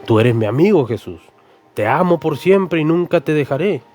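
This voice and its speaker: A man's voice: on the high side, lively intonation, moderate pace, darkish tone, soft background music. A man preacher voicing an impulsive, loyal male disciple who insists earnestly and keeps pleading with his friend by name. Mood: boastful. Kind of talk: sermon storytelling with acted voices.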